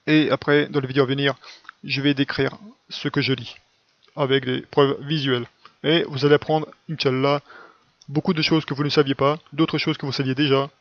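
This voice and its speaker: Speaking at medium pitch and normal speed with little rise or fall, a religious video teacher talks through a lesson informally, leaning on tags like "hein" and "quoi." He's miked closely, with no room sound, and the audio is a bit dull and lo-fi.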